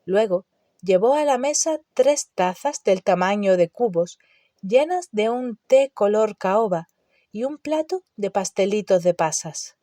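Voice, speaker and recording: A woman narrating an audiobook in a measured, expressive storytelling way. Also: mid-range voice, no echo.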